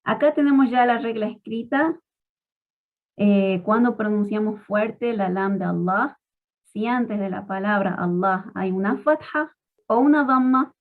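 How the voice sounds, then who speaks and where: A woman teaching Quran recitation rules in a patient, step-by-step way, slowly modelling each pronunciation. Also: on the high side. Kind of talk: online tajweed lesson. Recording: tinny phone-like audio.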